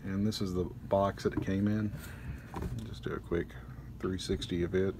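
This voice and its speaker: A man casually reviewing a collectible statue at a table indoors, easygoing, with frequent pauses. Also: low voice, little pitch movement, noisy background.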